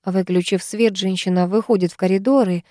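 A woman narrating a story in a measured, even manner. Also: medium pitch, dry recording, clean studio sound. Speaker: audiobook narrator. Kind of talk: scripted narration.

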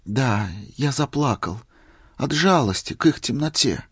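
A man reading aloud, voicing a meek, gentle wandering holy fool in a plain, humble way. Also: mid-range voice, animated, a little slow, breathy edge, dry recording, clean studio sound, voice pushed up. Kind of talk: story reading.

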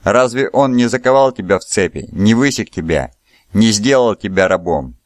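A man's voice: fairly low pitch, expressive, normal speed, no echo, clean studio sound, close to an everyday voice. Scornful proud noblewoman, as a man puts her on. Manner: contemptuous, imperious.

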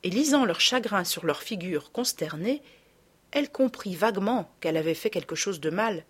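A woman narrating a children's story in an expressive, measured reading voice. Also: mid-range voice, slightly rough. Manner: expressive, drops softer for asides. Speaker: storybook reader.

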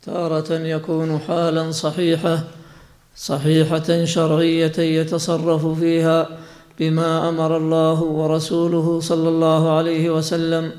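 Monotone man reading a text aloud. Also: on the high side. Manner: measured, even recitation.

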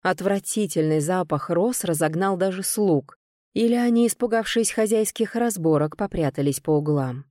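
A woman narrating a novel in the first person with expressive storytelling, close to the microphone. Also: on the low side, moderate pace, no room sound. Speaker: audiobook narrator.

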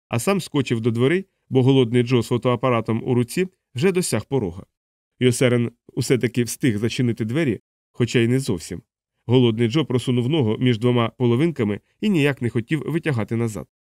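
A man narrating an audiobook novel in a steady, even storytelling manner. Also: medium pitch, quick pace, no room sound, studio quality.

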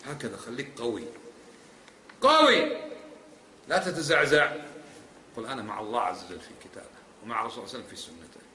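A man's voice: on the high side, bright, forceful tone, slight background noise. A man teaching a lesson on creed, pressing his points with emphatic rhetorical questions. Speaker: religious teacher. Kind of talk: lecture on creed. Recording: echoey hall.

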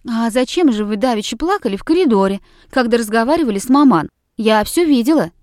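A woman voicing a bold schoolgirl who blurts things out quickly and eagerly in an audiobook. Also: a little high, expressive, darkish tone, no echo, clean studio sound, close to an everyday voice.

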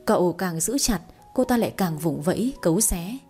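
A woman calmly narrating a romance story, reading it aloud. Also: lowish voice, moderate pace, slightly rough, faint music behind.

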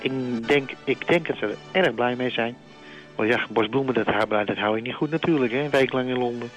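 A man's voice: medium pitch, fairly quick, lo-fi sound, faint music behind, close to an everyday voice. A man playing a starstruck, chatty male reporter who rambles on in a comic fake live report. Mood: gushing. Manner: chatty, rambling, self-congratulatory. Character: bumbling, starstruck male reporter at a royal wedding.

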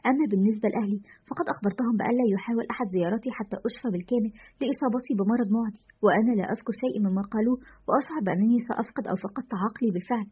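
A woman's voice: fairly high pitch, rapid-fire, breathy edge. A woman voicing an anxious man calling a radio show, recounting unsettling events in a confessional, uneasy way. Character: anxious man caller, shaken by strange events. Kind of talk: storytelling narration. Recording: lo-fi dull audio.

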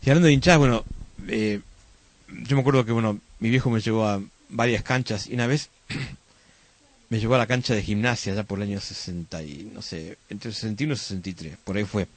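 A man's voice: on the low side, fairly quick. An older man with an Argentine accent, a radio host telling rambling football memories with lots of fillers in casual chat.

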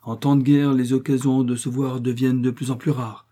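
A man voicing a cheerful fortyish naval captain, speaking jovially and with a raised, lively voice, in an audiobook. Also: mid-range voice, brisk, close to an everyday voice. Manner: jovial, warm-hearted.

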